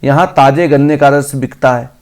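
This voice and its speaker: A man teaching an exam-prep grammar lesson. He reads each option aloud slowly, then corrects it. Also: medium pitch, fairly even intonation, a little mellow.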